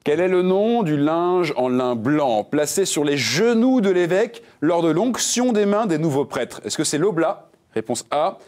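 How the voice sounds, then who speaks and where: Playful quiz host, lively voice. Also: male voice, fairly high pitch. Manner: playful, jokey, reads options briskly. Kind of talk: game show hosting with puns.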